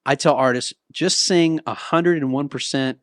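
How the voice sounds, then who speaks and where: A man's voice: on the high side, normal speed, no echo, studio quality. A middle-aged man giving a casual, conversational singing lesson, sometimes breaking into short sung demonstrations. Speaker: vocal coach. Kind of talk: talking-to-camera singing lesson. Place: Nashville.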